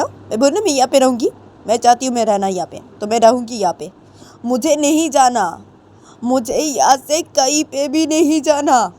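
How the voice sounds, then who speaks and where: A woman's voice: sits high, mellow, voice pushed up. A woman voicing a stubborn young woman who refuses to leave, speaking in raised, insistent declarations.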